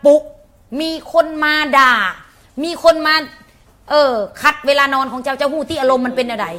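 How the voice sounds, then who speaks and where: A young Lao-accented woman tells a story to her viewers in a casual, unfiltered way. Her voice sits high and rings bright and sharp. She speaks bluntly, uses coarse words, and rattles off the same word over and over. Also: steady tone, moderate pace. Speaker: channel host.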